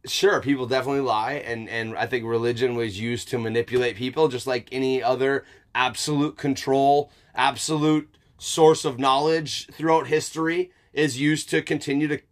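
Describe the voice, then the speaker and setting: A man's voice: mid-range voice, steady tone, normal speed, few pauses. A man chatting casually and reflectively as a podcast host, informal and emphatic, with some swearing and frequent checks for agreement. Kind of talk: casual philosophical chat.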